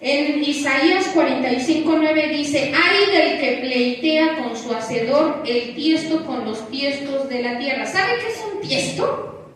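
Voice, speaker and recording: High-voiced woman preaching in an echoey room. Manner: lively, teasing, asks the congregation rhetorical questions. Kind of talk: sermon. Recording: echoey room, distant mic, faint background noise.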